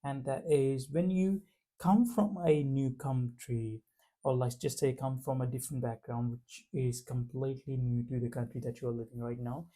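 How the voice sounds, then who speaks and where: A man from Punjab vlogs to camera in a relaxed, reflective way, his Indian-accented speech loose and packed with fillers. His voice is medium in pitch and dark in tone, with fairly even intonation and a moderate pace.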